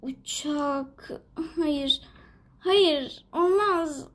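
A woman's voice: high voice, drawn-out words. A woman voicing a timid young girl pet in a toy figure video, whiny and panicky, given to shrieks and sobs. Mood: anxious.

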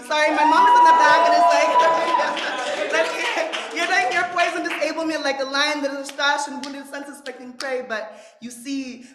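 Standing at a lectern with a stand mic, a young Zimbabwean woman, the featured poet, recites spoken word in a brick-walled indoor room. Her voice is high, raspy, and fairly bright, and she declaims dramatically and rhythmically with sweeping gestures.

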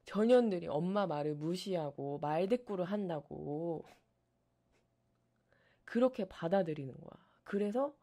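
A woman who streams ASMR, chatting casually on her live stream and telling stories with animated energy and frequent laughs. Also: fairly low pitch, unhurried.

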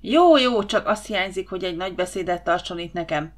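A woman voicing an irritable older male boss who is near retirement and barks orders loudly at a guard. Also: lowish voice, expressive, lightly acted. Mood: irritable shouting. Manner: loud, impatient, barking orders.

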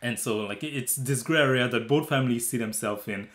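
A man co-hosts a casual film review podcast, thinking out loud with fillers and restarts in a thoughtful, hesitant way. His medium-pitched voice is brisk and a little bright, and the room is reverberant.

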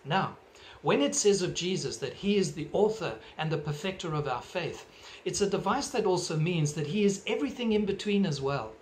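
In a home sermon, a middle-aged South African pastor speaks earnestly with lively intonation, his voice a touch high for a man. He builds his points in measured, emphatic steps, and the desk-distance webcam audio carries a faint hum of room ambience.

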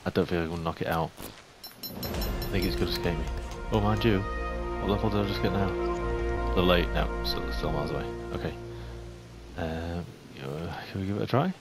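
A young man giving casual game commentary, chatting to the animals in the game and getting jumpy and excitable. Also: sits low, fairly quick, over loud music. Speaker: gaming YouTuber. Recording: faint hiss.

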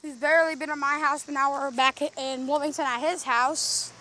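Young female vlog host, high and bright, excitable, joking around outdoors. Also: moderate pace. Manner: excitable, jokey. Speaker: channel host playing a mobile game. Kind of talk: casual chat while walking.

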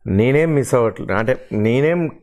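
A middle-aged man speaks in an earnest, aggrieved way as an interview guest. His pitch sits at an ordinary middle level for a man. He runs through the parts he has played and asks why the offers have stopped. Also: animated, moderate pace, darkish tone. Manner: earnest, aggrieved, lists his roles at length. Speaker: mimicry artist and actor, interview guest. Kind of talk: emotional interview talk.

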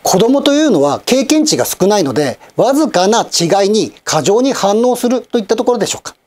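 A man in his fifties hosting a channel, giving polite, measured, scripted news-style commentary with wry asides. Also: high-pitched, very animated, a little mellow. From Japan, Osaka and Kochi.

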